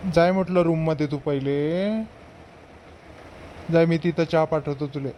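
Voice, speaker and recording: A man's voice: on the high side, a little slow, a little hiss or hum, natural voice. Man playing a kindly Varhadi father-in-law. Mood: lecturing. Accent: Varhadi Marathi. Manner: soothing, gently lecturing. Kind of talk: village comedy skit.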